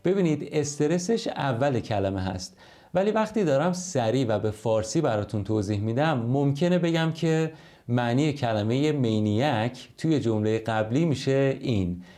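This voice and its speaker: A man from Iran leads an English lesson with a mellow, darker voice. He talks in a friendly, conversational way and explains points through everyday examples. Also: mid-range voice, lively intonation. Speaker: English teacher.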